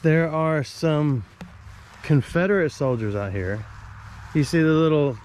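A man's voice: fairly high pitch, animated, a little slow, darkish tone. A man giving casual, joking commentary while walking around an old rural churchyard cemetery. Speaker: explorer vlogger. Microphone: camera mic while walking.

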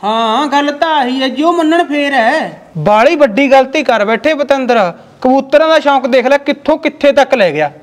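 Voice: high-pitched, expressive, normal speed. A speaker with a Malwai Punjabi accent, playing a blunt but sympathetic village relative. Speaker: actor in a village short drama. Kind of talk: amateur village drama acting.

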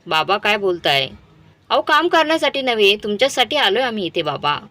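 A grown elder son, persuasive and evasive, hurrying to win his parents over, read by a woman storyteller. His voice moves lively in pitch. It is an emotional storybook reading. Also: dry recording, heavily acted. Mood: persuading. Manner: pleading, hurried.

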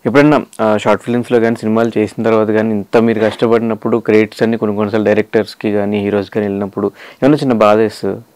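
A male interviewer with a Telugu accent asks questions at a brisk pace in a low voice. He keeps up a steady stream of short affirming hums while his guest talks. The recording is close and dry. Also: dry recording.

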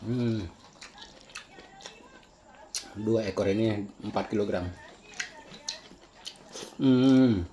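A man's voice: fairly low pitch, very slow, long pauses, dark tone, muffled recording, a little hiss or hum. A man eating on camera, talking while chewing and humming between bites as he addresses his viewers. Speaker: mukbang vlogger. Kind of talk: casual eating vlog chat.

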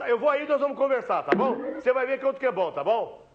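A man with a very high, swooping voice argues in exasperation on a phone, repeating himself over and over. The hidden-camera audio is dull and muffled. Steady noise sits under it. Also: quick pace. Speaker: prankster. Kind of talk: hidden-camera prank, fake phone call. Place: restaurant or bar.

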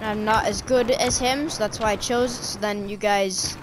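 A woman giving casual running commentary while playing a video game, reacting loudly to the game and to what she drinks. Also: mid-range voice, steady tone, normal speed, noisy background. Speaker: gamer. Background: game music and sound effects.

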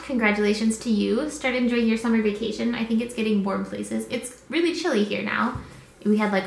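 A woman in her twenties vlogs to a camera held at arm's length, sounding sleepy and worn out as she rambles casually and drifts off track. Her voice is medium-pitched with vocal fry, and the small apartment room sounds echoey with faint noise.

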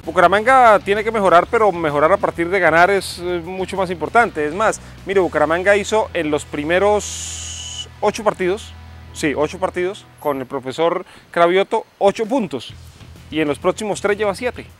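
A man's voice: high-pitched, normal speed, a bit bright, soft background music. A man in his thirties with a Colombian accent hosting a football show outdoors in a conversational, emphatic way. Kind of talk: conversational sports presenting. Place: outdoors in a park at night. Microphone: lapel mic.

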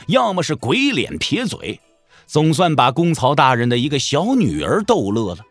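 A man at medium pitch tells a Chinese martial arts audio drama as an expressive narrator, his delivery wry and colloquial.

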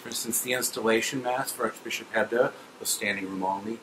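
A middle-aged man, a cathedral organist and music director, giving a measured, explanatory presentation to supporters. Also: medium pitch, fairly even intonation, roomy sound, background noise. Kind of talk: guided presentation to donors. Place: large cathedral organ gallery, indoors.

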